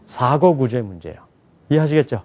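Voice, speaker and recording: Male lecturer, lively rising and falling delivery, quizzes the room. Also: medium pitch, fast talker. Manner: animated, asks the class questions and answers them himself. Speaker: English teacher. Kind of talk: lecture to a live class.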